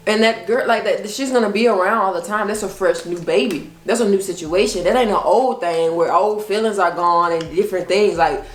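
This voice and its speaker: A woman with an American accent co-hosts a mukbang chat show, talking about relationships casually and emphatically while often checking that the listener follows. Her mid-range voice is brisk, with hardly any pauses. The recording has a roomy echo and clear background noise.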